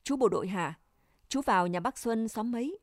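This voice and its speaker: A woman's voice: on the high side, lively intonation, moderate pace, dry recording, lightly acted. Woman reader as a grieving village aunt, choked and tearful, dry close sound. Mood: friendly. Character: older village woman, kindly, grieving and weeping.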